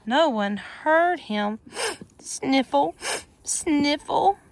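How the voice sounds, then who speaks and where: Her voice sits high and she draws out her words while reading a rhyming picture book aloud to children. The setting is an outdoor farm with goats, and she mixes expressive sing-song reading with chatty asides.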